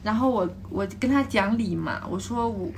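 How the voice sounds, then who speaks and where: A young adult woman, a podcast guest, telling a story in a lively casual way, laughing often and acting out what others said. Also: medium pitch, normal speed, gravelly, slight background noise.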